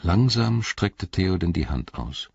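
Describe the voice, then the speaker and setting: A male narrator with a very deep, husky voice reads an epic tale slowly and solemnly. The sound is dry and close. The recording is dull and lo-fi. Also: big pitch swings, a little mellow, dry recording. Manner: measured, solemn. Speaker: audiobook narrator. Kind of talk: scripted narration.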